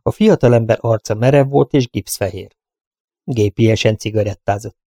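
A man narrating an audiobook in a measured, even storytelling manner. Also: fairly low pitch, no echo, studio quality.

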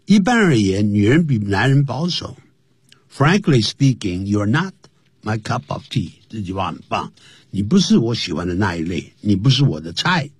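Lively-voiced man teaching English on radio. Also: breathy edge, dry recording, studio quality. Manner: explains slowly and repeats phrases, lively drawn-out pitch. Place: radio studio.

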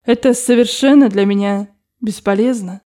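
Haughty sharp-tongued young lady, read by a woman, mellow low-key voice, cold and cutting. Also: normal speed, lightly acted. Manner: cold, contemptuous delivery.

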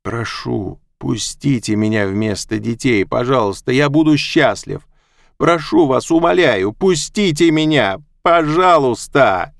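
A man's voice: mid-range voice, lively intonation, measured pace, vocal fry, dry recording, voice pushed up. A man voicing an anguished father who pleads and cries out in an audiobook. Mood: desperate. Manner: desperate, breaks into shouting pleas. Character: anguished grieving father pleading for his children. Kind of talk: audiobook narration.

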